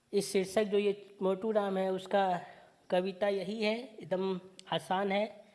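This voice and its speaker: A woman teacher, mid-pitched for a woman, talks young pupils through a children's poem. She keeps asking simple questions and then answers them herself. Her lessons are patient and repetitive. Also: a little mellow. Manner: reads verses slowly and sing-song, then explains with repeated questions. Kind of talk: online class lesson explaining a poem.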